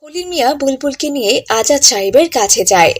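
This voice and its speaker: A woman narrating a cartoon story in a calm, scripted storytelling manner. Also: high-pitched, fast, husky.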